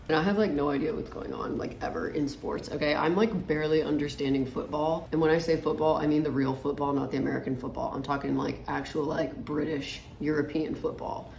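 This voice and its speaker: Late 20s girl doing her makeup n rambling like a facetime call, mellow creaky voice, echoey room. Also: low voice, steady tone, slight background noise. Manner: talking while applying makeup, with trailing pauses; informal, filler-heavy, says "like" constantly. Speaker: vlogger. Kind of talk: casual chatty get-ready-with-me monologue. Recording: roomy echo.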